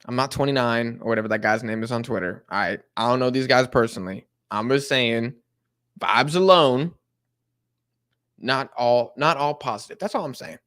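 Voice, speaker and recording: A young man hosts a casual football watch-along stream, reading chat and rambling in slang packed with fillers, with sudden excited outbursts at the match. He speaks at normal speed in a mid-range voice.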